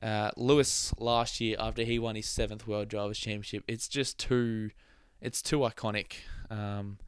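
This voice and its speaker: A man's voice: fairly low pitch, flat delivery, normal speed, clean tone, no room sound. A young man hosting a casual motorsport podcast, chatty, laughing often and trailing off mid-thought. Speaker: podcast host.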